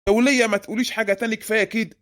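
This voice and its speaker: A performer voicing a stingy, grumbling middle-aged husband with an Egyptian accent, who scolds his wife in a quick, nagging way. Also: mid-range voice, fairly even intonation, a bit bright, lightly acted.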